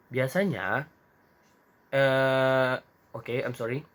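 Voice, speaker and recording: A young man walks through a slide presentation at an unhurried, hesitant pace, his voice sitting at an ordinary middle pitch. He stops often, restarts his sentences and fills the gaps with small sounds. He keeps dropping English terms into his explanations. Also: a bit bright. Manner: slow, halting, mixes English terms into explanations with many fillers and restarts. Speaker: student presenter.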